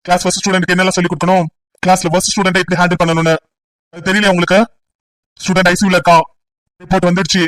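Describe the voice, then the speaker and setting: A man's voice: sits high, completely flat delivery, a bit bright, recorded from a distance, rough recording. A man playing a stern police officer dad. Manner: brisk, questioning, lecturing. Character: stern middle-aged police officer father. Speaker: police officer leading an enquiry. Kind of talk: amateur audio drama.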